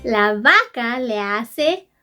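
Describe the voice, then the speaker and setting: A woman teaching young children in an animated lesson, talking in an exaggerated sing-song way and gasping with wonder. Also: fairly high pitch, extremely slow, over music.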